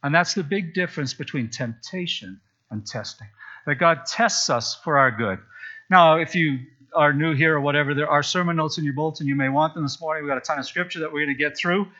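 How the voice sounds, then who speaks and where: A Zambian pastor preaches a sermon in a church sanctuary, telling stories in a chatty way with frequent asides. His voice sits on the high side, brisk and sharp, and the sound is lo-fi.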